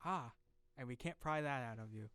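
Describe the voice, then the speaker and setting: A young man hosting a laid-back interview, choosing his words politely and earnestly. His voice is smooth and resonant, recorded close and dry. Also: medium pitch, fairly quick, fairly bright tone, dry recording. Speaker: podcast host. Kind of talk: casual interview.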